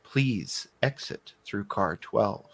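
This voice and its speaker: A man voicing an ethereal female computer virus hologram, speaking in a hushed, formal, measured way for a tabletop game. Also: fairly low pitch, animated, voice pushed down, heavily acted. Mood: calm, detached.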